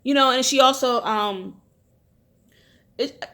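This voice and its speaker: A woman's voice: high-pitched, takes it slowly, fairly bright tone. A woman giving casual commentary as a reality TV reviewer, blunt, opinionated and profane.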